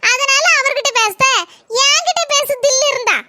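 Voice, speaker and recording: A woman voicing a sharp-tongued young wife in a cartoon, scolding with quick comebacks in a Kanyakumari Tamil accent. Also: very high-pitched, no echo, studio quality. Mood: quarrelsome.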